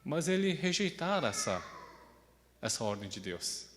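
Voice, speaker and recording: Animated preacher, echoey hall. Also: male voice, on the high side, unhurried, slight background noise. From Brazil. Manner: conversational preaching, often asks "né?" and acts out quoted voices. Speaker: pastor. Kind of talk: sermon with personal story.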